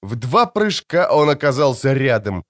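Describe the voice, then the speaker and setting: A male audiobook narrator telling the story expressively, his pitch rising and falling in a lively way. The voice sits at an ordinary middle pitch. The recording is close and dry, with no room sound. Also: moderate pace, no echo. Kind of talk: scripted narration.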